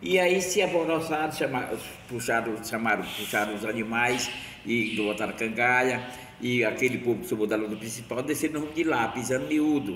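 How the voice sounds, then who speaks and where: A man's voice: medium pitch, a little fast, fairly bright tone. A man, telling local history as an oral storyteller in a rambling way, restarting and correcting himself. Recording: echoey, roomy sound from a distance with faint noise.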